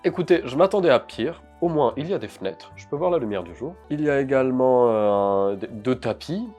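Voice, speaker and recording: Un homme qui commente sa partie de jeu vidéo avec humour, dans un langage faussement pompeux et ironique. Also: male voice, medium pitch, expressive, fairly quick, darkish tone, soft background music. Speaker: streamer de jeux vidéo.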